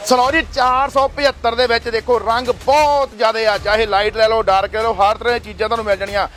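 Man, very high voice, rapid pushy sales pitch, faint noise behind. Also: little pitch movement, fairly bright tone. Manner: pushy, repeats prices in quick lists. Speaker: shop promoter. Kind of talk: fast sales promo video.

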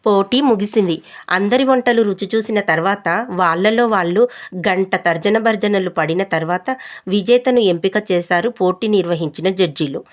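A woman narrating a comic family story in a lively storytelling style. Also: medium pitch, normal speed.

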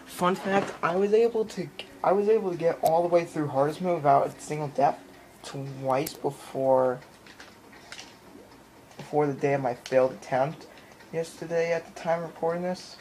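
In a rough recording with a bit of hiss or hum, a gamer speaks at normal speed in a fairly high, slightly mellow voice with fairly even intonation. His loose, rambling commentary, full of repeated phrases, is captured by a handheld camera or phone filming the TV in an indoor room.

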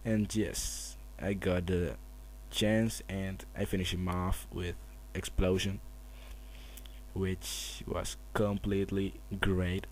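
This is casual game commentary from a man narrating his own battle slowly, his voice low, hushed, and level. He keeps it quiet because others at home are asleep at night, and the noisy camera mic adds a hum.

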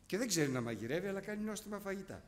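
A middle-aged man preaching a sermon to a congregation, animated and storytelling with sound effects. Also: high-pitched. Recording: long hall reverb.

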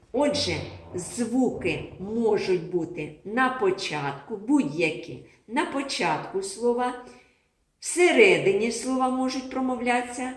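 A woman teaching young children a phonics lesson, slowly sounding out syllables and repeating words for them to copy. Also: medium pitch. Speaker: preschool teacher. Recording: echoey room.

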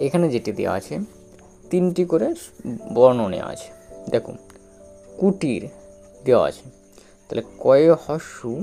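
A man teaching a spelling lesson, sounding out syllables slowly and repeating them, with regular checks that the learner follows. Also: medium pitch, vocal fry, warm tone. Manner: slow, repetitive, drawn-out syllables with frequent checks.

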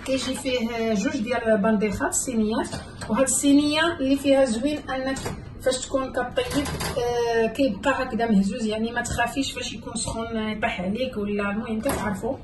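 With a slightly high voice and a steady tone, a middle-aged woman with a Moroccan Arabic accent talks fast as she cooks, explaining each step to viewers. She hosts this casual cooking vlog in her home kitchen, and background noise can be heard. The camera is set near the worktop, and she is mostly off frame.

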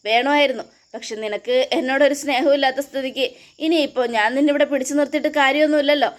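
Scornful menacing father, as a woman plays him, unhinged, high-pitched, serial recap. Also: fairly even intonation, quick pace, lightly acted. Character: bitter, unhinged middle-aged father.

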